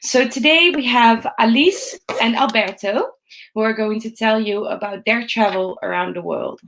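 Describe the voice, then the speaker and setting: Female host, upbeat welcomes, slightly high voice, light background noise on call. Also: moderate pace. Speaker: conference host. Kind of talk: online conference hosting. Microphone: video call.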